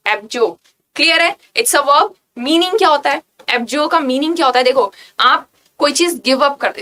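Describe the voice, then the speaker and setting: A woman's voice: sits high, pushed and bright. A woman teaching an exam-prep vocabulary lesson, repeating words and often checking that students follow. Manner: repetitive, checks understanding with "clear?".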